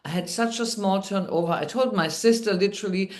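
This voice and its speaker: A woman with a German accent speaks as a podcast guest. Her voice sits at a middle pitch, and she tells her story in an upbeat, chatty way. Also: brisk, darkish tone. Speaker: guest, midwife and NLP trainer. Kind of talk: podcast interview.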